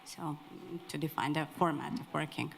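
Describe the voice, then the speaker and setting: Creaky, flat-toned woman commenting. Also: sits low, normal speed, slight background noise, low-quality recording. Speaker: meeting participant. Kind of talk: unscripted comment in a meeting.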